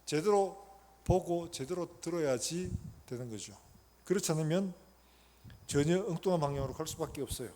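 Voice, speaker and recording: A man's voice: on the high side, animated, moderate pace, a little mellow. A man preaching a sermon as pastor, emphatic and asking the congregation questions that he then answers himself. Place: church sanctuary. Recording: long church hall reverb, faint noise.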